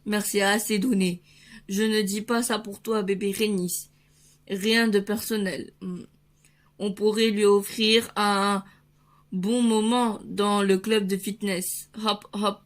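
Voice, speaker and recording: Slow, playful woman reading a comic. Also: mid-range voice, steady tone. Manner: unhurried, playful reading with sound effects. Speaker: comic book reader. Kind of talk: reading a comic aloud, switching between characters.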